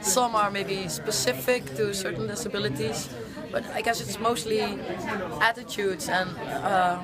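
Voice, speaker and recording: A woman from the Netherlands, answering in lively, quick bursts. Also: mid-range voice, a loud crowd. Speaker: conference delegate. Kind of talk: interview answers. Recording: loud background music.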